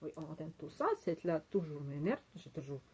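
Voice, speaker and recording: Woman vlogger, non-native French speaker, husky low voice, halting casual storytelling. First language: not French. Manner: halting non-native French with many fillers, gets heated.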